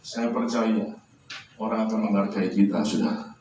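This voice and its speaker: Man, pastor, lively joking sermon, distant mic, heavy hall echo. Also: moderate pace. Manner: lively, joking, varies pitch a lot, mimics others in quotes. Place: church hall. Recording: distant, echoey church hall with room noise.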